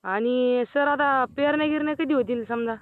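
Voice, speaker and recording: A man's voice: extremely high pitch, normal speed, slight background noise. A man calling in over a phone line, asking polite, persistent questions. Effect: caller heard over a phone line. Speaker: caller. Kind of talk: phone call to a weather expert. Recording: tinny, dry phone line.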